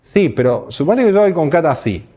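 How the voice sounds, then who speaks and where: Speaking quickly in a mellow, slightly high voice with big swings in pitch, this man from Uruguay lectures on programming at a university. He has a Rioplatense Spanish accent and explains things one step at a time in a lecture hall, posing rhetorical questions to the students.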